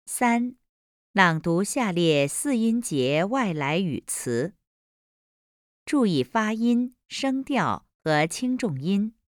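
A woman reads language-lesson drills aloud at a very slow, deliberate pace. Her pitch moves a lot from word to word, and each syllable is carefully enunciated. The recording is dry and close, with no room sound. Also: big pitch swings, no echo. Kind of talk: slow, careful textbook reading.

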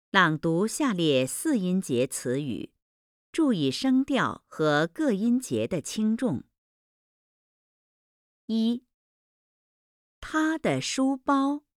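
A woman reading exercise instructions and example words from a language textbook in a slow, measured way, recorded in a studio. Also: fairly low pitch, dry recording. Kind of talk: scripted Mandarin lesson instructions.

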